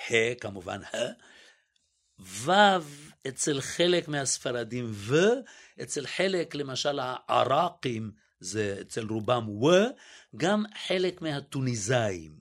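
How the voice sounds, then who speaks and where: Male expert guest, average pitch, methodical and a little hesitant, demonstrates pronunciations aloud. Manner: hesitant, self-correcting. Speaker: guest linguist. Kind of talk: explanatory interview talk.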